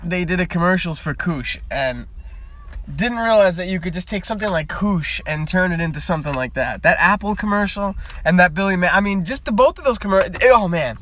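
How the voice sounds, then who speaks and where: Young male streamer, casual and rambling, a touch higher than most, talking into a phone in his parked car. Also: sharp tone. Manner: rambling, chatty, easily sidetracked. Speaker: live streamer. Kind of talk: casual live-stream chat.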